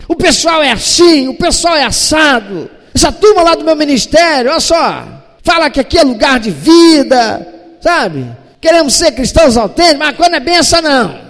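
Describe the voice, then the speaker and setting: A preacher doing a weary, self-righteous old prophet, whining and griping about everyone else in a raised, strained voice. It rings out through an echoey church hall. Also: male voice, extremely high pitch, very animated, normal speed, fairly bright tone, voice pushed up, full character voice. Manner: whiny, exasperated, griping.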